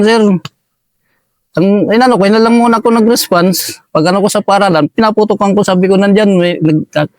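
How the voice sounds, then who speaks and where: A man's voice: on the high side, dry recording. A man from Eastern Samar, recounting a war story to his interviewer and addressing him as sir at almost every phrase. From Eastern Samar, Philippines. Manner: deferential, says "sir" constantly. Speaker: militiaman guest.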